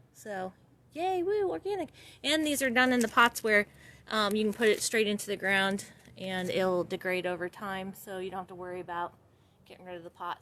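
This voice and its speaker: This florist chats casually as she leads a walkthrough of the shop and garage, pointing out plants. She rambles a bit and leans on fillers, speaking in a mid-range voice with a fairly bright tone.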